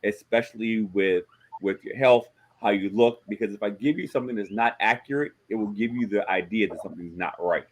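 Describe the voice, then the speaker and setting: A man in his forties, a host, telling stories in a joking, animated way during a casual chat. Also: lowish voice, brisk. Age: 40s.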